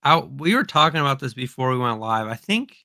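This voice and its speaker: Hesitant, bright-voiced podcast co-host. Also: male voice, medium pitch, very animated, fairly quick, gravelly, no room sound, studio quality. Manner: hesitant, lots of ums and likes. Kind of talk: casual livestream podcast chat. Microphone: streaming mic.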